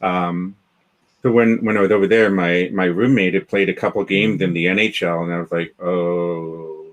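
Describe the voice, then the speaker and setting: A man's voice: sits low, fairly even intonation, a little fast, rough recording. A Canadian man talking as a guest on a video-call interview, rambling with many restarts and fillers. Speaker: guest, developer community founder. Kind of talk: casual interview chat.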